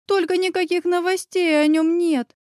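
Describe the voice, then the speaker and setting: A woman's voice: high voice, dry recording, pitched above the performer's own voice, natural voice. Fields: Figure: young pregnant woman, emotional and chatty, played by a woman reading an audiobook. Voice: raised, light, close and dry. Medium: audiobook. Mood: tearful. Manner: lively, quick mood swings between tears and laughter.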